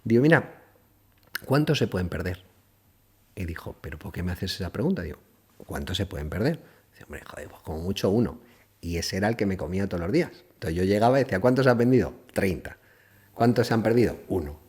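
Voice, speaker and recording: A man's voice: deep voice, brisk, slightly rough. A middle-aged man from Spain, telling casual stories and acting out dialogue as a podcast guest. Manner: lively anecdotes, acts out dialogue, laughs often. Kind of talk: casual storytelling.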